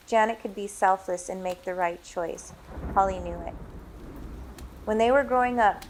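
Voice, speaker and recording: A woman reading her own novel aloud in a measured, dramatic narration. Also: mid-range voice, slight background noise. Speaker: author reading her book. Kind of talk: storybook reading.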